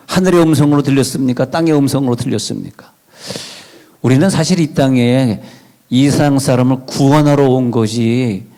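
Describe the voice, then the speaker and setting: A man's voice: mid-range voice, mellow. A male pastor giving a sermon in a church, conversational, with wry asides and questions to the congregation. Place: church sanctuary.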